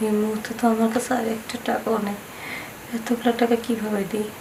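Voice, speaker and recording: A woman's voice: a little high, a little fast, lightly acted. An actress playing a worried village wife in debt, pleading politely with her lender. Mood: anxious. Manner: pleading, polite, addresses him as brother. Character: indebted village wife, anxious then defiant. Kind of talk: TV drama acting. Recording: distant mic with faint noise.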